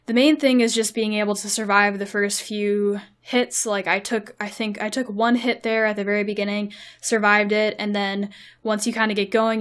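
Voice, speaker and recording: A woman's voice: mid-range voice, a bit bright. A young woman giving casual gameplay commentary and advice, chatty with frequent fillers. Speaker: mobile game video creator.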